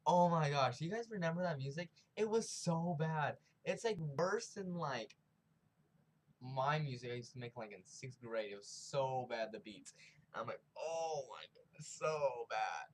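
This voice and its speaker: A man's voice: mid-range voice, expressive, moderate pace, low-quality recording. Slangy young man rambling a recap. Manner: rambling, slangy, acts out characters' lines. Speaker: TV episode reviewer. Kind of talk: casual recap and review.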